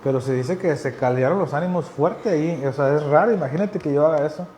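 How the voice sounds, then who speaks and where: A man's voice: a little high, fast talker, a little mellow, a little hiss or hum. A man preaching a sermon in an earnest, conversational way, repeating key phrases for emphasis. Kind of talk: sermon teaching.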